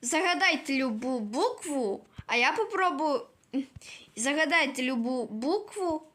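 Casting: a boy doing a bossy lady schoolteacher, high-pitched, quizzing and grading the class. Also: expressive, measured pace, bright, forceful tone, slight background noise, full character voice. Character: strict female schoolteacher running a class.

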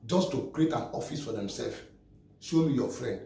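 A middle-aged Nigerian-accented vlogger rants passionately at a camera a few steps away in a small, plain indoor room, gesturing, repeating himself and stumbling over words as he restarts. His medium-pitched voice is expressive, gravelly and mellow at a moderate pace. The room echoes, his voice sounds distant, and there's slight background noise.

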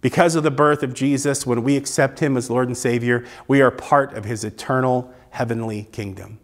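A man's voice: medium pitch, steady tone, normal speed. Earnest man preaching to camera. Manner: earnest, gestures with both hands. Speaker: pastor. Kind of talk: recorded sermon to camera. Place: small church stage with drum kit and Christmas decor, indoors. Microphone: lapel mic.

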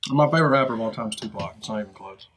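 Speaking very fast in a lowish, slightly bright voice, the same thirtysomething rapper guest chats at a fast-food restaurant table. Slight background noise is audible, and he sounds hesitant and somewhat defensive.

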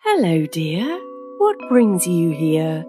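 A woman voicing a kindly, wise fairy in an animated fairy tale, calm and reassuring. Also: on the low side, slow pace, music in the background, exaggerated voice.

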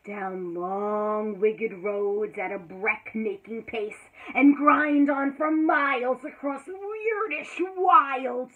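A teacher in her thirties reads a children's picture book aloud at a medium pitch, swinging dramatically between hushed lines and loud exclamations. She's in a small indoor room before a green backdrop, recorded close on a built-in camera mic that gives tinny, phone-like audio.

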